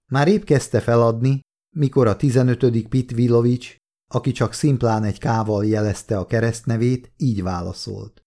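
A man reading an audiobook in measured, even storytelling narration. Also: medium pitch, gravelly.

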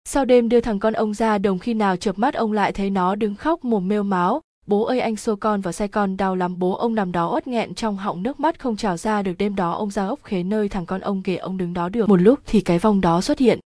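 Woman with a mellow, dry narrating voice. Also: medium pitch, fairly quick, hardly any pauses, no room sound. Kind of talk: storytelling narration.

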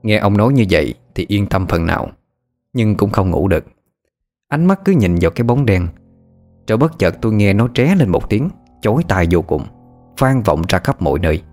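Deep-voiced male ghost story narrator. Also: very animated, normal speed, a little mellow, soft background music.

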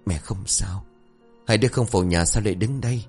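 A man voicing a worried, gentle middle-aged mother in a read-aloud family story, pleading anxiously. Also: on the low side, a little fast, husky, soft background music. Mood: weary.

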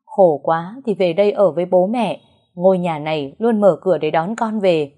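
A woman's voice: fairly low pitch, normal speed, phone-quality sound, close to an everyday voice. Woman playing a protective worried mother. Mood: consoling. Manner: urgent, protective, pleading. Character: worried protective mother, quick to defend daughter.

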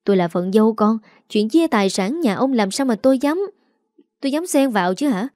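A woman doing a shrill scheming wife. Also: lively intonation, brisk, mellow, no echo, clean studio sound, lightly acted. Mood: shrill nagging. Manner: shrill, nagging. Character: scheming young wife, shrill and sharp-tongued.

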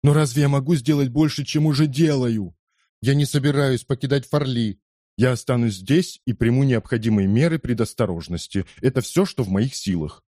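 A man's voice: medium pitch, normal speed, mellow, no echo, clean studio sound, pitched above the performer's own voice, close to an everyday voice. A man voicing a torn, conscientious leader in an audiobook, speaking earnestly and pleading with rising distress. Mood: protesting. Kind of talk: audiobook character voice.

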